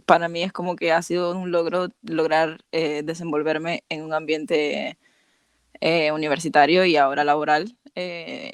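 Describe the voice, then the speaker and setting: A woman from Venezuela with a Latin American accent talks as a podcast guest. She speaks at a mid pitch, warm and hesitant, often pausing on fillers. The sound is close and dry. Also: creaky, no room sound. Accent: Latin American Spanish. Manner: warm, hesitant, many fillers and soft laughs. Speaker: podcast guest, chemical engineer. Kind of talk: casual interview chat.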